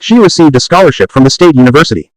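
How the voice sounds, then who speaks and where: Fast, dry-sounding man dictating sentences. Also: fairly high pitch, animated, dry recording, poor audio. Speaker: English test dictation reader. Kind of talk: dictating practice sentences, read aloud.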